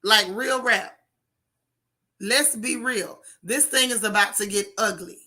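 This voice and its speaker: A woman with a raspy, wheezy voice hosting a casual livestream news update, talking emphatically to viewers and repeating phrases for stress. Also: on the high side, takes it slowly, pushed and bright. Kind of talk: casual livestream talk, answering viewer comments.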